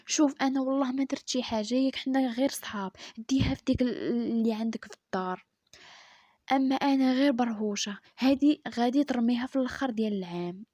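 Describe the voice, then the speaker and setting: Storybook figure: a woman playing a wounded young Moroccan wife, bitter, higher voice, dry close mic. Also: fast talker, warm tone, no echo, highs cut off, lightly acted. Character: young wife, hurt and defiant.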